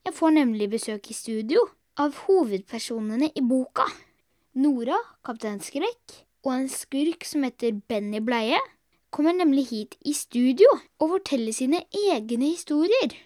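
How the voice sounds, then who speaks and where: A woman hosts a children's book podcast from a studio, addressing her young listeners in an upbeat, teasing way. Her voice sits fairly high. The recording is close and dry. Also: animated, dark tone, no room sound. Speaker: podcast host.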